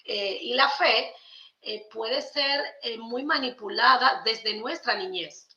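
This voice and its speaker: Speaking slowly with a slightly high, sharp voice, this woman from the Dominican Republic is a podcast guest discussing spiritual ideas. Her delivery is conversational yet emphatic. There's roomy echo on the audio, which also comes across a bit dull.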